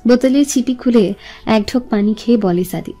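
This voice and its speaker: A woman narrates a romance in a smooth, steady reading voice. Her tone is high and mellow. Soft music plays under the narration. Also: moderate pace. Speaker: storyteller.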